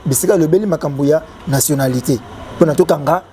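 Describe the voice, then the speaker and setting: A Congolese man talks as a guest on a talk show, keen and animated as he explains. He sometimes reads formal clauses aloud and then breaks them down loosely. His voice sits a bit high, with a mellow, warm tone. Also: fast talker, slight background noise. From Democratic Republic of the Congo.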